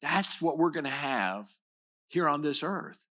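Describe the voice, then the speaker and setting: Bright-voiced preacher man, earnest and repetitive. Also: on the high side, expressive, measured pace. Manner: earnest, repeats words and restarts phrases. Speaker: pastor. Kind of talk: sermon. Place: church sanctuary.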